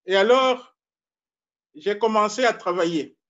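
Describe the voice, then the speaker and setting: A man from Congo, a pastor preaching a sermon slowly and deliberately, repeating his key phrases. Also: high voice, fairly bright tone, dull audio.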